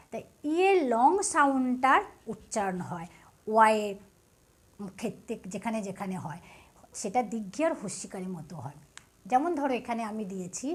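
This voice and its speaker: A woman's voice: high-pitched, a bit bright. A woman teaching English spelling and pronunciation to students, explaining patiently step by step and often checking that they follow. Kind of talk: spoken lesson to students.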